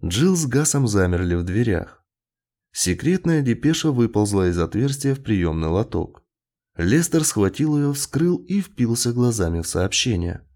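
A man narrating a science fiction story in an expressive audiobook reading. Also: mid-range voice, normal speed.

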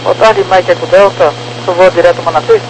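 High-pitched Brazilian controller man over noisy radio. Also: steady tone, brisk. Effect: aircraft radio transmission. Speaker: air traffic approach controller. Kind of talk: clipped radio air traffic instructions. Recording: noisy aviation radio with hum.

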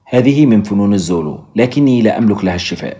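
A man's voice: lowish voice, lively intonation, very fast, dark tone, lo-fi sound, natural voice. A man voicing a proud, blunt Zulu woman nurse in a storybook reading, giving frank, firm answers.

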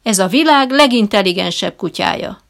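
Woman doing a bossy male dog trainer in a storybook: loud, commanding, gravelly. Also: very animated, heavily acted. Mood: booming. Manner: booming, commanding, then pleading.

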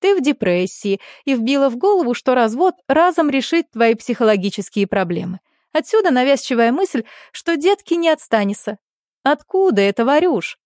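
A woman voicing a shrill, indignant aunt. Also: sing-song, moderate pace, no room sound, studio quality. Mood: pleading. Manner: loud, pleading and accusing. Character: indignant middle-aged aunt, reproachful and shrill.

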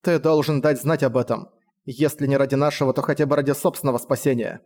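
A man's voice: mid-range voice, steady tone, fast talker, a little mellow, natural voice. A man voicing a pleading young village woman. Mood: urgent. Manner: pleading, slightly raised voice.

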